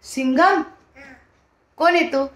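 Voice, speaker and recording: Woman, home vlog, high voice, sing-song baby talk to a toddler, bedroom at home. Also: slow, a bit bright. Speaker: mother and vlogger.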